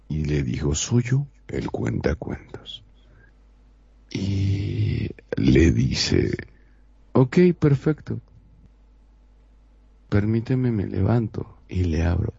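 A man with a very low, gravelly and husky voice tells a tale slowly and dramatically, his pitch ranging widely. His voice is dark. The recording is dull and dry. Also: no echo. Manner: slow, dramatic storyteller voice. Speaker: co-host. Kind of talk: casual radio chat, storytelling.

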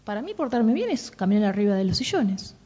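A woman's voice: medium pitch, sing-song, fairly quick, warm tone, husky. A woman with a Rioplatense accent, giving an informal parenting talk and checking in with listeners often. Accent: Rioplatense Spanish. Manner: chatty, asks "¿no?" and "¿sí?" often. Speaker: parenting workshop speaker. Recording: dull lo-fi recording.

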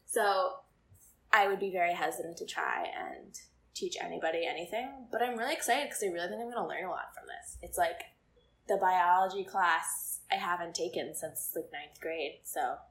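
A woman's voice: lowish voice, animated, normal speed, vocal fry, a bit bright. A young woman co-hosting a casual podcast, chatty and giggly, with many "like" fillers. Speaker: podcast co-host.

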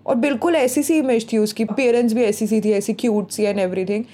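A young woman, talking casually on a podcast with her sister. Her voice is a little high and mellow, and she chats and teases in a mix of Hindi and English. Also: fairly even intonation, normal speed. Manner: chatty, mixes Hindi and English, teasing. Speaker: podcast co-host. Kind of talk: casual chat.

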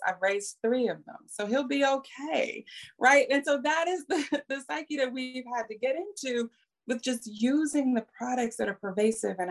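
A middle-aged woman with a slightly high voice explains her views at length in conversation, speaking emphatically with rhetorical questions and checking tags.

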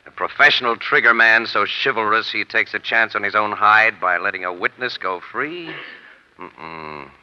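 An actor playing a skeptical, wisecracking press photographer in a 1940s radio crime drama, talking in sardonic slang. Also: male voice, on the low side, animated, moderate pace, sharp tone. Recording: muffled old radio recording.

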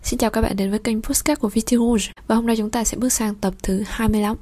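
A woman's voice: on the high side, fairly even intonation, quick pace. Vietnamese-accented woman teaching French. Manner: explanatory, with frequent hesitation fillers. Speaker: French teacher hosting a podcast. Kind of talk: bilingual podcast lesson, alternating French and Vietnamese.

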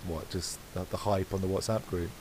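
A man's voice: low-pitched, moderate pace, slight background noise, poor audio. A man co-hosting a podcast, chatting casually and rambling through his thoughts with many restarts. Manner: rambling, self-correcting, relaxed. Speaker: podcast co-host. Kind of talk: casual chat.

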